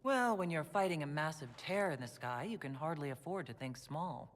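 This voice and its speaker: An actor playing a composed, forthright fantasy game hero, speaking in a measured, direct and diplomatic way. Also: male voice, a little high, lively intonation, slight background noise, lightly acted. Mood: composed, probing. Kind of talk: video game cutscene acting. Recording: long hall reverb.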